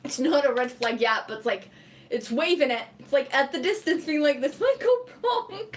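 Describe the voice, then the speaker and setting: A woman's voice: sits high, lively intonation, moderate pace, a little hiss or hum. A young Portuguese woman, English not her first language, chatting casually on a stream, reading comments and laughing often. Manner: chatty, laughs a lot, lots of "like" fillers. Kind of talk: casual live chat.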